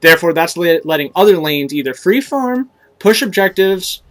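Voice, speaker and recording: A young man with a cold, his nose stuffy and throat sore, commentates his own game casually at a normal speed. His voice is high-pitched with lively intonation, and he coaches viewers in an explanatory way, using plenty of fillers.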